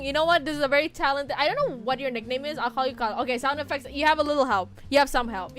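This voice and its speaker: Excitable high-voiced woman streamer. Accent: Indonesian. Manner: playful, excitable, swearing banter. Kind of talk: casual game commentary.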